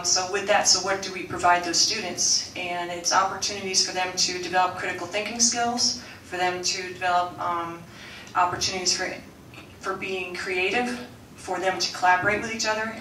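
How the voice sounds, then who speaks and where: A woman with a loud coach's voice softens it for the mic as she gives a formal presentation to a school board, earnest and full of restarts and fillers. Her voice is lowish, picked up by a distant room microphone in an echoey meeting room with a little hiss or hum.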